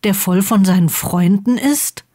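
A woman voicing an anxious, grumpy teenage boy wizard, speaking in a hushed, half-whispered voice. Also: mid-range voice, measured pace, lightly acted.

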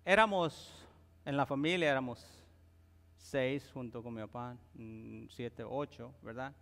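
A man's medium-pitched, slightly bright voice, touched with vocal fry and set at a measured pace, carries a sermon through a church sanctuary with long reverb. As pastor, he talks conversationally and keeps checking in with the congregation.

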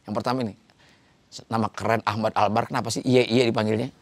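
A man's voice: on the low side, fairly even intonation. A man in his sixties hosting a talk show in casual chat, joking and teasing his guests. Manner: joking, teasing, quick laughs.

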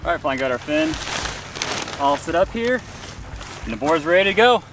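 A man casually unboxing gear for a vlog, relaxed and upbeat, recorded on a camera mic at a distance. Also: a little high, brisk, over music. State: briefly out of breath after pumping. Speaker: paddleboard vlogger. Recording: distant mic with background noise.

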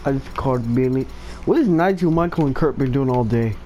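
A man's voice: mid-range voice, animated, a little fast, warm tone, muffled recording, a little hiss or hum. A young man trash-talking casually over a game, goading and repeating himself. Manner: goading, repetitive. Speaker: gamer. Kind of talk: casual trash talk while gaming.

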